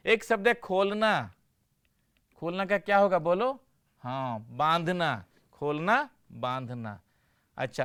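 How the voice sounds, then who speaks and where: Slow, patient male Hindi teacher. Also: fairly high pitch, fairly bright tone, clear, resonant tone. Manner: asks questions then answers them himself. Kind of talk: broadcast classroom lesson.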